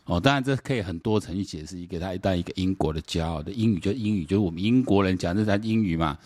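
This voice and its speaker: A middle-aged man with a Taiwanese accent delivers a solo political commentary podcast. His voice sits low and dark, heard in a dry, close setting with no room sound. He rambles, repeats himself, and mixes in Taiwanese Hokkien. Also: fast, no room sound. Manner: rambling, repeats words, switches into Taiwanese Hokkien, mocking rhetorical questions.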